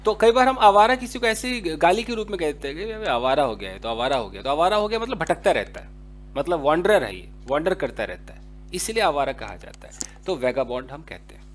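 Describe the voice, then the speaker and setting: A man teaching English vocabulary in a lesson, reading English definitions slowly and explaining them quickly in Hindi. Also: high-pitched, fairly bright tone, slight background noise. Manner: chuckles at his own examples.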